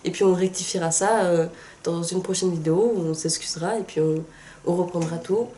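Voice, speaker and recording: A woman's voice: fairly low pitch, steady tone, fairly quick, warm tone, slight background noise. A young woman co-hosting a book video, unwell and chatting casually with lots of hesitations. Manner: chatty, hesitant with many fillers. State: sick. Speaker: book channel co-host. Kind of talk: casual chat.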